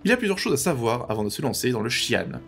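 A man narrating a language tutorial, patiently explaining and slowly repeating pronunciations. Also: medium pitch, very animated, vocal fry, fairly bright tone, soft background music. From French-speaking.

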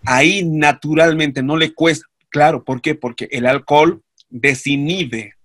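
A man's voice: a little high, steady tone, measured pace, a bit bright. A man teaching an online class, explaining at length and putting questions to his students.

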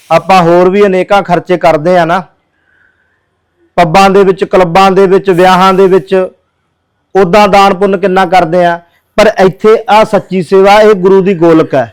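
A man's voice: high-pitched, smooth, rough recording. A man who works as a social worker, pleading earnestly with viewers in a charity appeal video.

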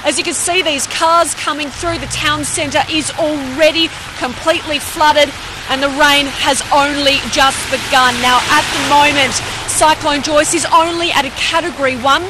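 A young Australian woman delivers a live TV weather report in a high voice. She projects loudly over wind and rain, with clear street and traffic noise behind her. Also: steady tone, normal speed. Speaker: TV news reporter. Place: outdoors on a flooded town street in rain. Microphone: handheld reporter microphone. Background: rain and passing vehicles.

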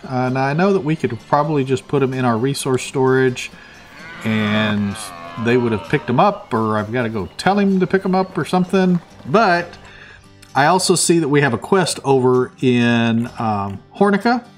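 A man casually commenting on a video game he is playing, thinking aloud with plenty of fillers. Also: fairly high pitch. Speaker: let's play host.

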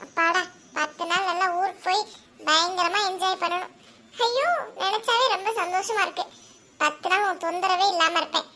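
A woman's voice: very high-pitched, normal speed, sharp tone, a little hiss or hum, full character voice. A woman voicing a cheeky boy who teases and bosses his sister in a cartoon. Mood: gleeful. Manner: bossy and mocking. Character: cheeky boy, teasing older brother.

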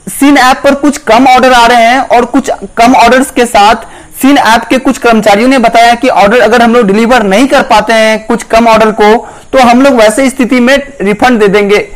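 A man's voice: very high voice, poor audio. A man hosting a tech channel, giving earnest, direct advice to viewers in a voice-over explainer.

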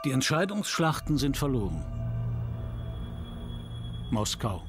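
A man reading scripted history documentary narration in a grave, measured way with short dramatic sentences. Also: mid-range voice, sing-song. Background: background music.

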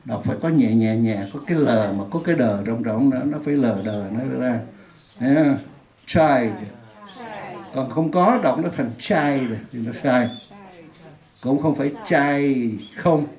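A woman's voice: rumbling low, moderate pace, warm tone. A woman teaching an English lesson in a classroom, patiently repeating words for her students to drill. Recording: echoey room.

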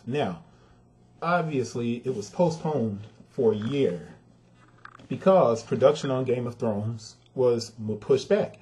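A man at a middle pitch runs through a casual sneaker review in a warm, dark-toned voice. He talks straight to his viewers, emphatic and plainly frustrated, and often lands on blunt verdicts. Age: adult with a son.

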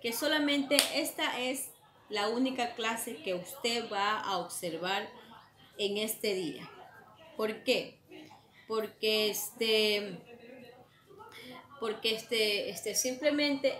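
A fairly high, bright-toned woman teaching children to spell, moving at an unhurried, patient pace. She asks a question, then answers it herself, and draws out each word as she pronounces it. The sound carries a noticeable room echo. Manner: drawn-out, emphatic pronunciation of words. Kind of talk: online spelling lesson for children.

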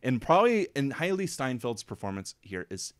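Smooth-voiced man rambling about films. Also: mid-range voice, big pitch swings, normal speed, no echo. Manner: rambling, emotional, filler-heavy. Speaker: podcast co-host. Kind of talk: casual film review chat.

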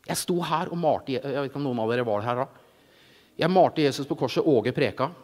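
A middle-aged preacher with a medium-pitched voice shares an informal testimony during a sermon, telling his story with animation, acting out voices and often saying "ikke sant." He speaks in a large church hall, and the recording carries its reverberation.

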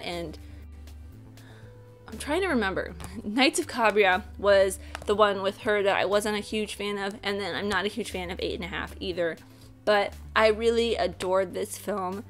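A woman's voice: mid-range voice, a bit bright. A young woman chats through her latest movie haul at home, gushing and rambling and sometimes hunting for the right word. She sounds a bit groggy from the early morning. Faint music plays behind her. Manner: enthusiastic, rambling, searches for words. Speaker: movie vlogger. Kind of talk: casual haul video chat. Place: home room with bookshelves.

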